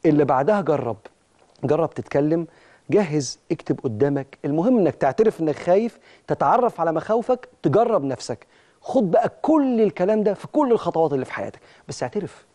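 A man's voice: fairly high pitch, dark tone. A man with an Egyptian accent hosting a religious motivational talk show, preaching emphatically and speaking straight to his listeners.

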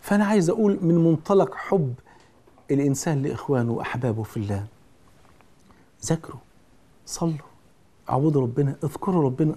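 A man's voice: mid-range voice, warm tone. A man with an Egyptian Arabic accent preaching a sermon, earnest and speaking straight to the listener with repeated pleas.

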